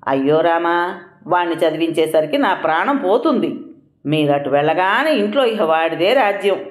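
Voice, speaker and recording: A harried housewife who pushes back against every complaint with weary exasperation, as a woman narrator plays her. Her pitch moves in lively swings. The reading has a roomy echo. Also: moderate pace, lightly acted. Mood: exasperated. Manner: defensive, pleading, exasperated. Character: busy patient housewife and mother.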